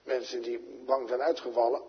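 A man preaching a sermon to his congregation in a Dutch accent from around The Hague, with loud emphatic peaks, soft asides and frequent restarts. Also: medium pitch, steady tone, unhurried, slightly rough. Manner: repeats words and restarts often. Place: church pulpit. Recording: reverberant church, dull lo-fi radio sound.

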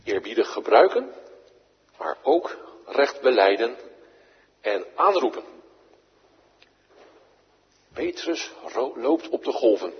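A husky-voiced man preaches slowly, his pitch leaping and falling as he quotes scripture. The recording is dull and lo-fi, with his voice carrying through a long church reverb. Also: big pitch swings. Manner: dramatic rises and falls, quoting scripture with raised voice. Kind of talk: sermon. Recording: echoey church hall, dull lo-fi radio broadcast.

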